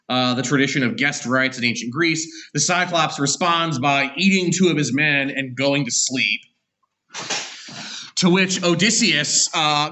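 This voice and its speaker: A man's voice: fairly high pitch, sharp tone. A man teaching an online class, retelling a story in an unscripted way with frequent "uh" and "um" fillers and self-corrections.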